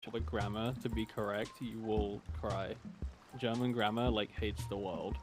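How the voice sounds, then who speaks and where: A man's voice: on the low side, fairly even intonation, unhurried. Man, playful, joking, casual chat, faint music. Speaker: stream co-host.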